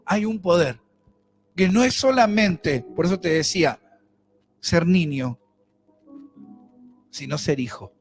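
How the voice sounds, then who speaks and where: A man with a Rioplatense Spanish accent, preaching a sermon as pastor in a conversational way, asking the congregation questions. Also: on the high side.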